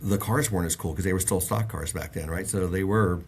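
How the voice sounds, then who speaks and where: Deep and darkish in tone, the voice of this middle-aged Bahamian auto industry guest moves fairly quickly, with a slight hiss or hum in the background. On a relaxed interview show, he rambles through long stories full of fillers and restarts.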